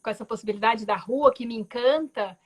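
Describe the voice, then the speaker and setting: In a brisk, slightly rough voice on the high side, a woman in her forties shares her story as a guest artist on a video call. She is from Belo Horizonte, Brazil, and speaks Minas Gerais Portuguese. Her telling is thoughtful and conversational, with many tag words and restarts.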